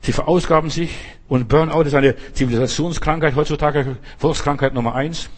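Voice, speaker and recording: A man preaching a sermon, repeating key phrases and slowing down to stress them. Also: a little high, fairly even intonation.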